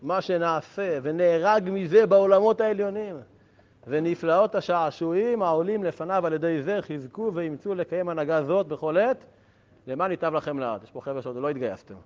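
Male Torah teacher, slightly high voice, animated and joking, dull lo-fi recording. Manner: lively, joking with listeners, rhetorical questions.

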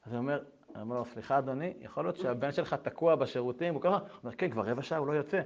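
A middle-aged man giving a lively Torah lesson, moving between reading old texts aloud and telling personal stories. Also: medium pitch, noisy background. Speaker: Torah lecturer. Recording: dull lo-fi recording.

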